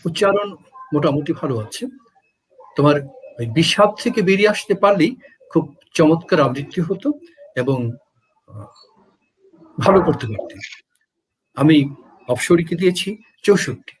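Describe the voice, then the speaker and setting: A man judging a recitation contest, giving gentle, hesitant feedback with pauses. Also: fairly high pitch, husky, poor audio. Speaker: recitation competition judge. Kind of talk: spoken critique of a recitation.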